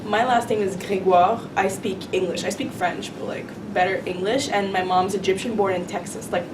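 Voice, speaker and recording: Animated young woman student, distant mic. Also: mid-range voice, moderate pace. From Canada. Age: young adult. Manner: animated and opinionated, heavy use of "like". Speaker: student panelist. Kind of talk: panel discussion. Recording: distant mic with clear background noise.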